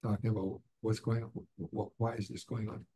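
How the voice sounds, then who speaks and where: Speaking a little fast, this man has a fairly low, dark, breathy voice with little pitch movement. He's a middle-aged guest author from Canada, interviewed casually over a video call from an indoor office on his webcam, with plenty of fillers and restarts.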